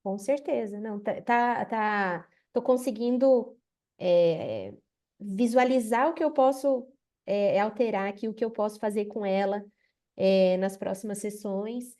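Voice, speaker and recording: A woman's voice: medium pitch, unhurried, warm tone. A woman, a former teacher, speaking hesitantly with many fillers in a casual chat. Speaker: former teacher, now therapist.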